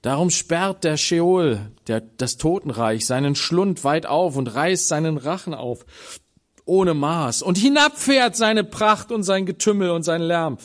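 Man, preacher, sermon, hushed to loud, acts out Bible dialogue. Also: a little high, animated, a little slow.

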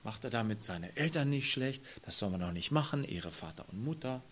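A man preaching a sermon who speaks straight to his congregation, dropping to near-whispers and then rising to loud, emphatic phrases. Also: medium pitch, animated, brisk, a little hiss or hum. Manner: addresses the congregation directly.

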